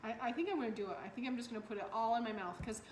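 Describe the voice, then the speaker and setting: A woman's voice: a little high, very fast, a little mellow, roomy sound, slight background noise. A woman co-hosting a cooking show, chatting playfully and upbeat while tasting a dish. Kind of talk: casual cooking chat.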